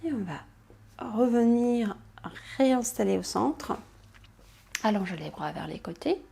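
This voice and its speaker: A woman instructor calmly guiding a pilates class, cueing movements and counting, with soft whispered asides. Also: a little high, measured pace, vocal fry, husky. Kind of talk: guided exercise class instruction.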